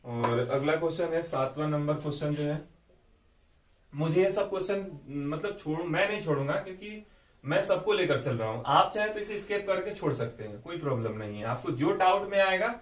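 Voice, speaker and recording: Male math tutor, slightly high-pitched, patient step-by-step explainer, recorded from a distance. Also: lively intonation, brisk. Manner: patient, repeats key steps with frequent "ठीक है" check-ins. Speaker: math teacher. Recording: echoey room, voice off mic.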